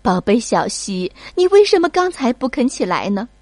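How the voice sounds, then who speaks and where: A woman voicing a caring mother in a bedtime story, with a gentle calling voice. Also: on the high side, big pitch swings, normal speed, no echo. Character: worried loving young mother.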